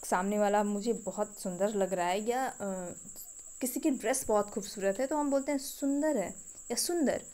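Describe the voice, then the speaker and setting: A woman with an Indian accent teaching English vocabulary, explaining each phrase slowly and repeating it with pauses. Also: mid-range voice, mellow. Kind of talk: spoken English vocabulary lesson.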